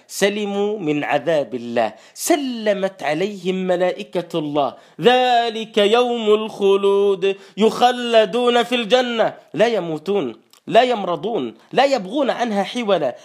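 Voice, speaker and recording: High-voiced man preaching a sermon. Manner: slow chanted recitation of verses between quicker explanation. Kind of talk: Quranic exegesis sermon.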